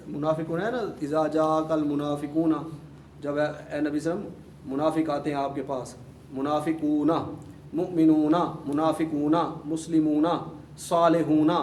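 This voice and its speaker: A man's voice: on the high side, a little mellow. A man teaching Arabic grammar to a class, repeating word forms and putting questions to his students. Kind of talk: classroom lesson. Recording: echoey room, mic far off, faint hum.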